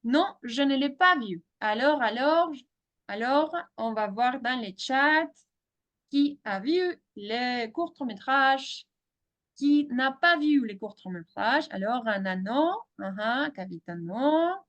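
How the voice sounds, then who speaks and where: High-voiced French-accented woman teacher. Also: lively intonation, slow pace, fairly bright tone, highs cut off. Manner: repeats words, switches between French and English. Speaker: French teacher hosting a webinar. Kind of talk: live online class.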